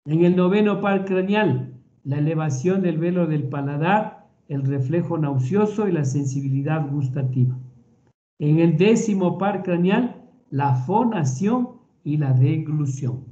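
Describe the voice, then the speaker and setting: A man with an Ecuadorian Spanish accent giving a recorded medical lecture in a measured, explanatory way, often repeating words as he thinks. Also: on the high side, dark tone, highs cut off.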